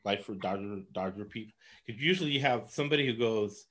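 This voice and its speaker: A man's voice: on the low side, fast talker, fairly bright tone. A man from Los Angeles giving casual sports betting picks, rambling and laughing often.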